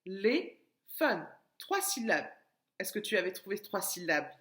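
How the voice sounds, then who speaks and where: A woman teaching a lesson to young children at home, speaking slowly and deliberately and encouraging them as she stretches out words. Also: mid-range voice, lively intonation, bright, forceful tone, slight background noise. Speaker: preschool teacher. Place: home, washing machine running. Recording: echoey room recording.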